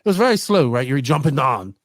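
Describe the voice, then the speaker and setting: A man's voice: mid-range voice, very animated, fast, fairly bright tone, no room sound. A man hosting a casual podcast, firing off chatty follow-up questions. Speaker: podcast host.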